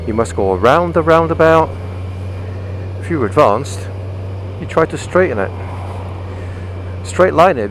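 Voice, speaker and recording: A man with a British accent talks from inside a motorcycle helmet in a casual, explanatory way. His pitch sits in the middle for a man. Clear vehicle and outdoor noise runs behind his voice. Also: rough recording. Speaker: motorcycle vlogger. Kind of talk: casual explanatory vlog talk while riding. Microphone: microphone inside the helmet. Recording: clear engine, wind and traffic noise.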